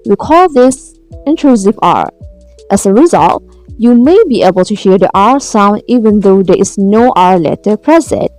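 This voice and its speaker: A woman's voice: mid-range voice, animated, normal speed, darkish tone, faint music behind. A woman student reading a prepared class presentation carefully from a script. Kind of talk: read-aloud class presentation.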